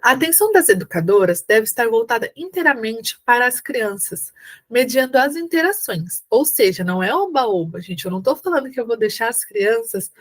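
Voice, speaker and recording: Brazilian lady teacher w/ são paulo accent, kinda high voice, patient lecture, keeps checking in w/ students. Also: very animated, brisk. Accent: São Paulo Brazilian Portuguese. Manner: explains patiently, checks in with "tá bom?" and "né?"; acts out warm encouraging phrases to children. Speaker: teacher preparing candidates for an exam. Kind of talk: online lecture.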